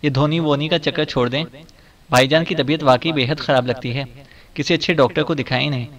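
A man voicing a concerned young sister who breaks in quickly and urgently. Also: fairly high pitch, fairly even intonation, fairly bright tone, highs cut off, close to an everyday voice.

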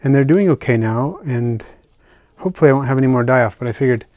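A relaxed, chatty older man with a mid-pitched voice talks through his hobby purchases in a casual vlog. His delivery is easygoing, full of fillers and soft asides, and the sound is dry and close, recorded indoors at a tabletop. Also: fast, dry recording. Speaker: isopod keeper unboxing purchases. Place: indoors at a table, hands on camera.

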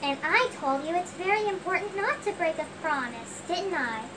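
Gentle, patient dad, voiced by a performer, calm and soothing, sped up and high, distant with noise. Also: moderate pace. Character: patient, gentle father of a big family. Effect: sped-up, pitch-raised playback.

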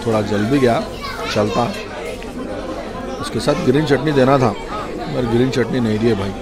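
A man's voice: medium pitch, normal speed. Male food vlogger, casual and talkative, blessings sprinkled in; recorded in a packed, noisy restaurant. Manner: chatty, sprinkles in religious blessings. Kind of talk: casual food vlog narration. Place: busy restaurant. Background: loud crowd chatter.

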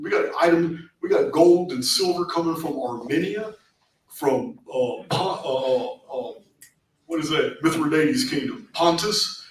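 A middle-aged man giving a casual talk to a small meetup in a meeting room, animated and restarting his phrases often. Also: fairly high pitch. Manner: animated, repeats words, many restarts. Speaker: presenter at a meetup. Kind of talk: casual lecture to a small audience. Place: meeting room with projector screen. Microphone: far camera at back of room. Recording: echoey room from far off.

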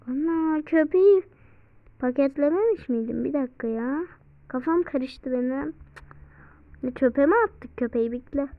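A young woman chatting casually as she plays a mobile life-sim game, excitable and apologetic, often exclaiming. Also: sits high. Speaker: game vlogger. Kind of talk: casual let's-play commentary. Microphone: phone. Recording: tinny phone-like recording.

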